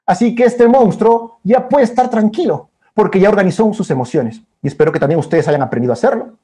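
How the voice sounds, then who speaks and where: A man telling a story to children in a bouncy, animated way. He acts out each emotion with sighs and exclamations. His voice has a mellow, warm tone. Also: sits high, brisk. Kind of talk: lively storytelling for kids.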